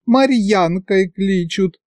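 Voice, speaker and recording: A woman's voice: mid-range voice, takes it slowly, a little mellow, no echo, pitched above the performer's own voice, lightly acted. A man voicing a capricious young village girl who drawls her words.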